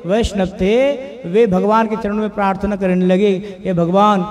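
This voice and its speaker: A man with a high voice gives a devotional sermon, telling a story in a conversational way. Between the spoken parts he chants verses slowly. The sound rings with the long reverb of a hall. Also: level tone, a little mellow, soft background music. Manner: conversational, chanting Bengali verses in a slow melody between Hindi explanation. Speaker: kirtan and katha preacher.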